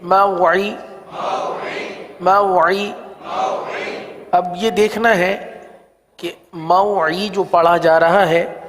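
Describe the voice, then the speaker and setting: A male teacher leads a beginner reading lesson, slowly chanting syllables in a sing-song way and briskly explaining rules between drills. His voice is high and fairly bright, trailed by long reverb.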